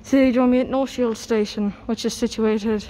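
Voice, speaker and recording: A young woman with a North East English accent and a fairly high voice, slightly muffled by a mask. She gives casual running commentary as a train-spotting vlogger. She is recorded outdoors on a platform with some vehicle noise around her. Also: fairly even intonation, moderate pace, dark tone. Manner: announces train numbers and destinations. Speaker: host of a train-spotting vlog. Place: outdoors on a railway station platform.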